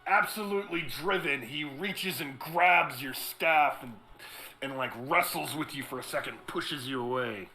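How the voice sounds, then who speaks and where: A man's voice: medium pitch, measured pace, pushed and bright, low-quality recording. A man running a tabletop role-playing game as game master, narrating casually.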